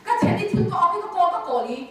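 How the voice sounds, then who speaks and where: A woman's voice: quick pace, a loud crowd. A woman speaking at a conference, giving a lecture on counseling and asking the audience questions. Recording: echoey hall from far off.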